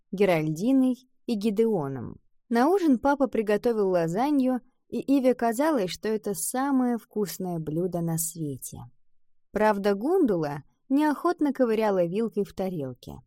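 A woman's voice: medium pitch, dry recording. A woman narrating a children's story expressively, with a close mic. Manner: expressive, voices each character. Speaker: audiobook narrator.

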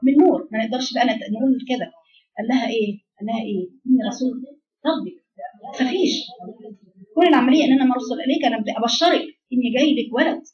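Animated woman teaching, quick and lively. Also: fairly high pitch. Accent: Egyptian. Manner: animated, asks the class questions and answers them. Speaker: religious teacher. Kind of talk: Quran lesson in Egyptian colloquial. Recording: dull lo-fi recording.

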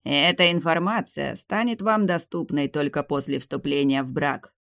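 A man voicing a weary, evasive old clan elder who talks in an unhurried, sighing way. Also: on the high side, gravelly, a bit bright, dry recording, studio quality.

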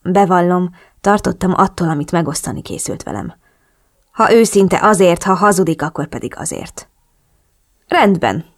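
A woman's voice: fairly low pitch, animated. A woman narrating a novel in the first person, earnest and emotional, pleading in the heroine's dialogue. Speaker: audiobook narrator.

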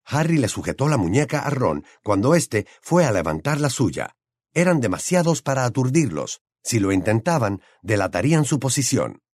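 A man reading an audiobook aloud in a dramatic, expressive way. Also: medium pitch, moderate pace, no echo, studio quality. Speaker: audiobook narrator. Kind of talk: scripted audiobook narration.

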